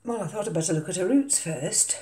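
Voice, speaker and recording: A woman's voice: fairly low pitch, lively intonation, a little fast, echoey room, background noise. An older woman chatting casually about potting an orchid in her kitchen, hesitant with many ums and uhs. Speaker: orchid vlogger. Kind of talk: casual chat while potting a plant. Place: home kitchen.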